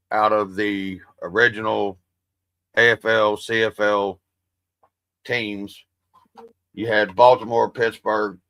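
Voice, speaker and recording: A man with a lowish, fairly bright voice hosts a livestream, rambling and cursing as he chats casually with his viewers. He says his voice is soothing. There's no echo, but the audio quality is poor.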